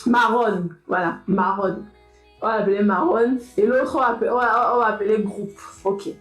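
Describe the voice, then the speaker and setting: A young adult woman vlogging casually, talking straight to her viewers in a lively, chatty way. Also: medium pitch, normal speed, echoey room, soft background music, low-quality recording. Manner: lively, talks directly to viewers. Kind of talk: casual motivational vlog.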